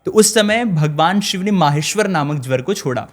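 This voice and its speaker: A young man, a religious storyteller, explaining scriptures in an earnest, measured teaching tone with small hesitations. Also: sits high, expressive. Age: young adult.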